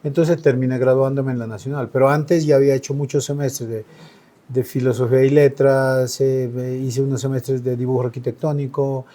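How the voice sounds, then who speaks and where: A man's voice: mid-range voice, little pitch movement, normal speed, dark tone. A man in his sixties from Colombia, a painter giving an interview, speaking reflectively with frequent hesitations. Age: 60s. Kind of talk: relaxed conversational interview.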